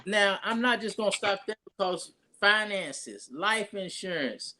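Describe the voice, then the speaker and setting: A man's voice: high voice, lively intonation, unhurried, sharp tone. A pastor, talking casually and rambling through his introduction of a guest with many restarts.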